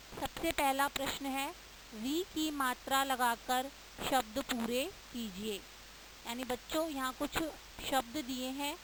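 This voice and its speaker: A woman teacher giving a recorded lesson to young children, speaking slowly and stressing each vowel sign with care. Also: high-pitched, background noise. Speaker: schoolteacher.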